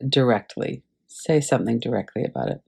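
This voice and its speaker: A woman teaching a class over a video call, gently guiding listeners through a visualization with unhurried pauses. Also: a bass voice, gravelly, breathy edge. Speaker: meditation teacher.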